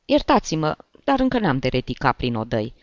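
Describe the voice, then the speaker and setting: A man's voice: on the high side, sing-song, no room sound, muffled recording. A man voicing a plump, tearful middle-aged woman who gushes in exclamations, in an audiobook reading. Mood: gushing.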